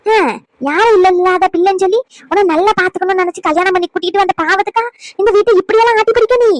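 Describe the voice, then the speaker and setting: A woman playing a meddling neighbour who pries into a family quarrel and scolds with sharp, rapid questions. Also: very high-pitched, no room sound, poor audio. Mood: scolding.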